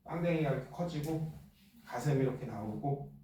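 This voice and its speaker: A middle-aged male teacher lecturing a class in a joking, blunt way and firing quick questions at students. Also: medium pitch, mellow, a little hiss or hum. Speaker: middle school science teacher. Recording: echoey classroom from far off.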